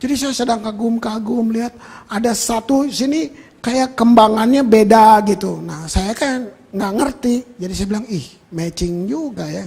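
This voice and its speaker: A man's voice: extremely high pitch, normal speed, a little mellow, breathy edge. A male pastor preaching a sermon in a colloquial storytelling manner, speaking directly to the congregation.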